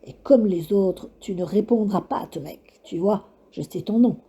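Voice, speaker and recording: A woman voicing a cruel, taunting, ancient skeletal witch in a storybook reading, slow and mocking in a sing-song way. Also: mid-range voice, warm tone, breathy edge. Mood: menacing.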